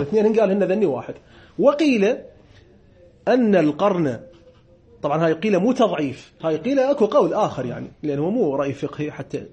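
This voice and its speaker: Brisk, high-voiced Iraqi man teaching. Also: dark tone. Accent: Iraqi Arabic. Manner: explains, repeats definitions slowly, jokes with students. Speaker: religious law teacher. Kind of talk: seminary lecture.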